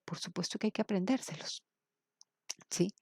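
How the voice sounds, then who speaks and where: A woman teaching English in a recorded lesson, patient and explanatory, slowing down to model phrases with emphasis and asking rhetorical questions. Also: medium pitch, a little mellow, slightly rough, dry recording, clean studio sound.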